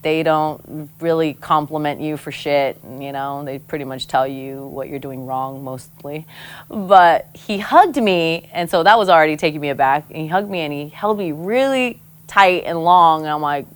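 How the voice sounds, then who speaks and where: A woman from Samoa, a guest who used to host her own show, telling personal stories in a frank, animated way, laughing often and swearing casually. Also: low voice, moderate pace, clean tone. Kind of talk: candid conversational storytelling.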